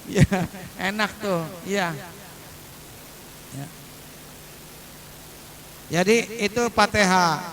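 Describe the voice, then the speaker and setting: A middle-aged man gives a lighthearted religious lesson to a congregation, in a bright voice. He talks at an unhurried pace, chanting verses slowly to demonstrate their pronunciation and adding colloquial jokes. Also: high voice, slight background noise. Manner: joking, colloquial asides to the congregation. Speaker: Islamic preacher.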